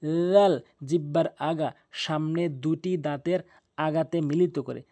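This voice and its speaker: A middle-aged man gives a pronunciation lesson for Quran recitation, earnest and insistent. His voice sits a little high with a gravelly, fry-tinged edge. He drags out each letter sound and repeats it several times. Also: steady tone, unhurried, mellow.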